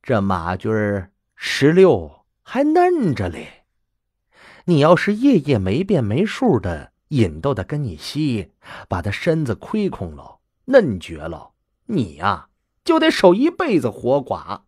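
A man voicing a stern, blunt old grandmother, speaking slowly and pressing with questions. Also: mid-range voice, very animated, dry recording, studio quality. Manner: slow, measured, pressing questions.

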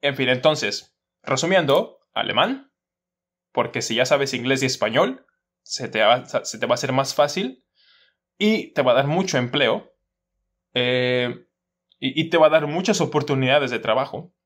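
A man's voice: mid-range voice, expressive, unhurried, pauses often, a bit bright. A man, talking casually to camera as a language teacher, explaining with examples and asides. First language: Spanish.

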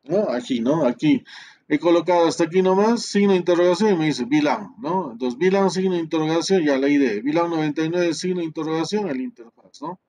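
This networking instructor's screen-recorded tutorial has him muttering, thinking out loud and ending sentences with questions to the class. He speaks a little fast, in a fairly high, slightly mellow voice.

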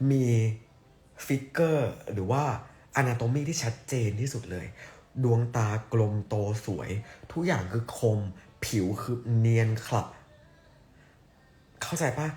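A man's voice: mid-range voice, a little mellow, roomy sound. A young man from southern Thailand, hosting a casual live stream and answering fan questions in a playful, teasing way. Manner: playful, teasing, jokingly coarse.

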